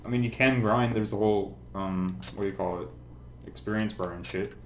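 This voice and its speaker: Loud game music plays behind a young man's fairly low voice, recorded in a roomy space with slight background noise. Speaking a little fast, he hosts a let's play, chatting casually about the game and cursing frequently in a relaxed way.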